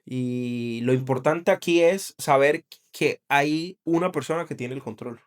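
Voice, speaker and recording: A man's voice: mid-range voice, a little slow. A middle-aged man co-hosting a faith podcast, speaking earnestly and thinking aloud, often checking in with his listener. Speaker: podcast co-host. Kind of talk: casual faith podcast chat.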